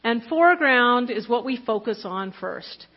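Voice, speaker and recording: A woman of fifty giving a candid, conversational sermon about her own life, with fillers and quick self-corrections. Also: fairly high pitch, animated. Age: 50s. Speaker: preacher. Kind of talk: personal testimony sermon. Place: church hall. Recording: dull lo-fi recording with long hall reverb.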